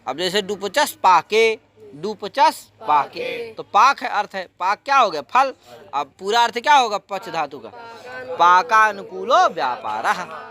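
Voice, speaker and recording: Male grammar teacher, high and very animated voice, lilt, question-and-answer classroom style, chants the rules. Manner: animated, keeps asking students questions and answering them himself. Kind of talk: classroom lecture.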